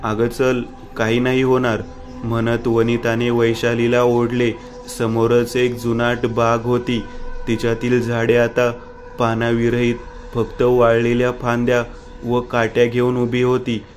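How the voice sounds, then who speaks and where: A man narrating a horror story in a steady, even reading style. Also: medium pitch, unhurried, a little hiss or hum.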